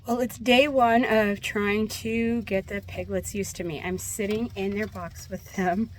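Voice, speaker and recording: An American woman chatting casually to camera while sitting outdoors in an animal pen, gently soothing the animals. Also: medium pitch, fairly even intonation, a little slow, a little hiss or hum. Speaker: homestead vlogger. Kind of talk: casual vlog narration.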